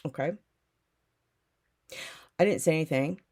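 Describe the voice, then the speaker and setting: Low-voiced woman telling her story. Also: a little slow, darkish tone. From Newton, Iowa, USA. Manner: rambling, reflective, often drifting back with "anyway". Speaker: storyteller recounting her life. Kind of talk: casual personal memoir storytelling.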